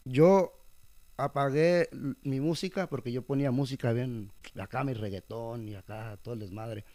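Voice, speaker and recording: A man's voice: mid-range voice, normal speed, dry recording. A young man, telling a story in a casual chat and mixing English words into his slang. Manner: animated, mixes English words into Spanish slang.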